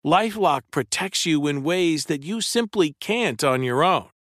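A man reading a scripted ad in a measured, earnest way. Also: fairly high pitch, animated, fairly bright tone, dry recording, studio quality. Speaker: ad announcer. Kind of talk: scripted ad read.

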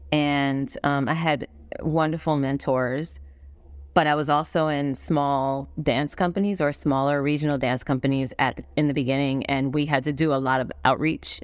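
A middle-aged woman who serves as executive director of a foundation is a guest in a casual interview. She speaks earnestly and thoughtfully in a low, smooth voice, with no echo on the recording.

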